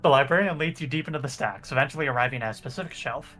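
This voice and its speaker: A man's voice: medium pitch, rapid-fire, bright, forceful tone, soft background music. A man reading game text aloud as narrator during a playthrough.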